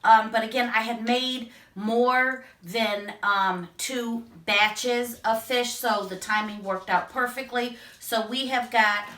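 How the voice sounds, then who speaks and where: A woman's voice: a little high, fairly even intonation, slow, hardly any pauses, sharp tone. A woman hosting a home cooking tutorial, chatty and enthusiastic as she talks straight to her viewers. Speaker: cooking show host. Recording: echoey room, voice from a distance.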